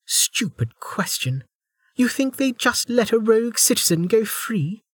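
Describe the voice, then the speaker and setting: A man's voice: very high voice, measured pace, sharp tone, husky, dry recording, pitched above the performer's own voice, full character voice. A man voicing a hissing, cornered woman warrior. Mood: angry. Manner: snapping, hissing through her teeth. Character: furious cornered female rogue warrior.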